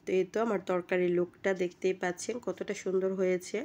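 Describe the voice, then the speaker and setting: A woman, hoarse from a cold, giving chatty step-by-step directions as she narrates a home recipe. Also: on the low side, little pitch movement, fast talker, a little mellow. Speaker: cooking channel host. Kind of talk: recipe voice-over.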